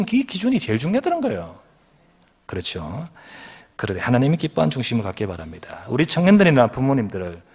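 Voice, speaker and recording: Animated husky male pastor preaching. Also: mid-range voice. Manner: animated storytelling with laughter, acts out quoted voices. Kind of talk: sermon. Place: church sanctuary.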